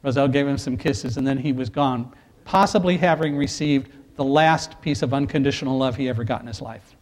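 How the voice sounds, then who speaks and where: A man telling a personal survival story to an audience, earnest and animated, building to loud emphasis. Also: medium pitch, a little fast. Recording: echoey hall reverb.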